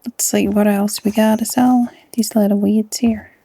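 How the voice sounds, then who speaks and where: A woman with a Norwegian accent hosting a casual let's-play, chatty and often dropping into a soft half-whisper. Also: medium pitch, little pitch movement, moderate pace, no room sound. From Norway. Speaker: gaming channel host.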